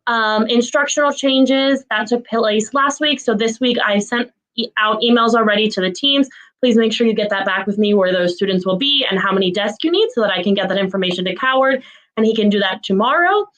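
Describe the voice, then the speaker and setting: A woman school administrator reading through a list of staff announcements in a brisk, businesslike way, with frequent "um" fillers. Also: on the high side, fairly bright tone, rough recording.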